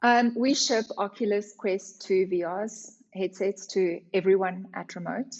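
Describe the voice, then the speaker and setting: A woman's voice: medium pitch, fairly even intonation, unhurried, a little mellow, slight background noise. A woman speaks with a broad South African, Afrikaans accent in a slightly dull, lo-fi recording. She explains things conversationally and with enthusiasm, like a guest on a podcast. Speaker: company representative, interview guest. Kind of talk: conversational podcast interview answers.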